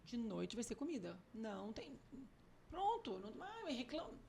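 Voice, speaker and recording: A woman cardiologist talking as a podcast guest, animated and emphatic, often acting out conversations with her children. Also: on the high side, gravelly, a little hiss or hum. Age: adult with young children. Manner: animated, acts out family dialogue; quick, emphatic explaining. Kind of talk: podcast interview talk.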